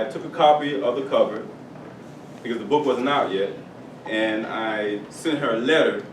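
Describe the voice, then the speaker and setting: A young man giving an upbeat motivational talk at a school career day, bantering with the class in call-and-response. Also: on the low side. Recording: echoey room, distant camera, noisy.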